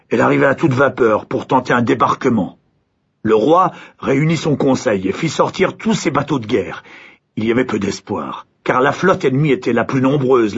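A man narrating a fairy tale with expressive, dramatic pacing and a husky voice. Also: mid-range voice, muffled recording. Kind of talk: storybook narration.

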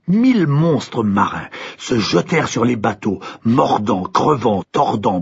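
Husky man narrating a fairy tale, expressive, dull lo-fi recording. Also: mid-range voice. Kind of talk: storybook narration.

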